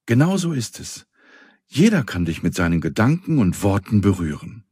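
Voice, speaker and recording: A man voicing a kind, lively little girl in a children's story, speaking earnestly and coaxingly. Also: fairly low pitch, normal speed, breathy edge, dry recording, studio quality. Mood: gentle.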